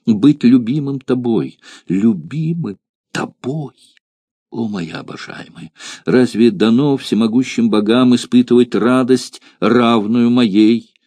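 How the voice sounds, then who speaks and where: A man voicing an ardent young male gladiator in an audiobook, speaking in soft, passionate, pleading tones. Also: mid-range voice, steady tone, a little slow, no room sound, lightly acted. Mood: ecstatic.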